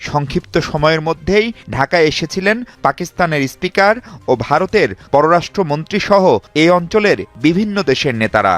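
A man reporter narrating a news package in a formal, measured way. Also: on the high side, expressive, a bit bright.

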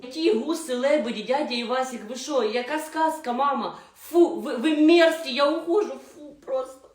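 A woman voicing an indignant, dramatic teenage daughter in a comedy sketch, high and shrill. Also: fairly quick, lightly acted. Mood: outraged. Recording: roomy echo.

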